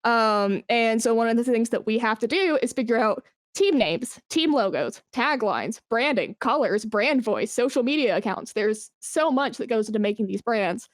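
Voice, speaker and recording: In this conversational interview, a woman who works as an esports brand manager speaks as a podcast guest, illustrating her points with examples and stressing key ideas. Her pitch is fairly high and her delivery animated at a normal speed, with few pauses. The sound is dry and cleanly recorded in a studio.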